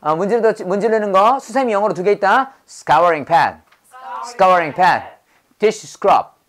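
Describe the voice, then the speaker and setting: Lively woman drilling English vocabulary. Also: medium pitch, a little slow. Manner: lively, drills learners with call-and-repeat prompts. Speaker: English teacher.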